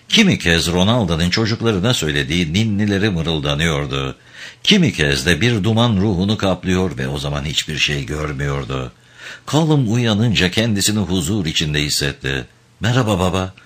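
A man narrating a novel aloud with expressive, dramatic reading. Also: low-pitched. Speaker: audiobook narrator.

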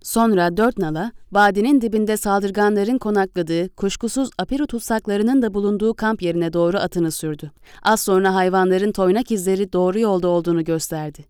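Smooth, clear-voiced woman narrating an audiobook. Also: medium pitch, fairly quick, a little mellow, dry recording, studio quality. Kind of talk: scripted narration of a historical novel.

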